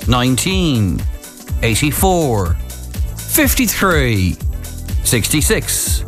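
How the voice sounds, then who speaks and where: An Irish man working as a radio bingo caller, deliberately announcing digits and then full numbers. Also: mid-range voice, big pitch swings. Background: music bed.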